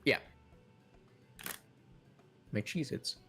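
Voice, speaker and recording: A man's voice: very slow, bright, forceful tone, soft background music. A man joking casually with a friend while they play a game together. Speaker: co-player. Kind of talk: casual gaming chat.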